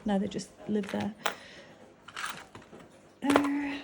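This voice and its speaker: Chatty northern English woman, gravelly voice. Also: mid-range voice, drawn-out words, noisy background. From England. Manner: chatty, musing aloud, fond of the items. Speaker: antiques seller. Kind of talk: casual narration while sorting antiques.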